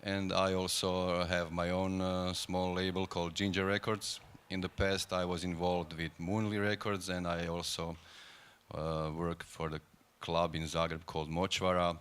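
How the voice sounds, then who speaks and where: A man with a Croatian accent speaks on a conference panel in a deep, resonant voice. He lists his jobs plainly, one after another. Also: level tone, normal speed, fairly bright tone, smooth. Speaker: panelist, festival and label worker.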